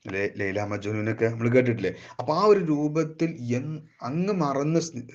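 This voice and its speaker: A man teaching a classical devotional poem line by line, slowly chanting each verse and then explaining it briskly. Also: medium pitch, fairly even intonation, lo-fi sound. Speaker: religious teacher.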